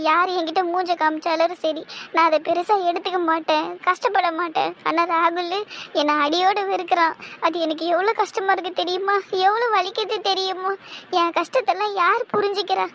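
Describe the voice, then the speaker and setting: A woman playing a very high, pleading young woman. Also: fairly even intonation, a little fast, a bit bright, slight background noise. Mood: hurt. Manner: plaintive, pleading, self-pitying. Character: hurt, pleading young woman who feels unloved.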